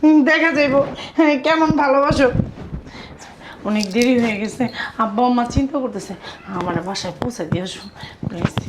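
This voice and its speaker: A woman's voice: on the high side, brisk, long pauses, background noise, close to an everyday voice. A woman playing an anxious young fiancée who pleads and worries. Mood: tearful. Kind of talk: amateur short-film acting.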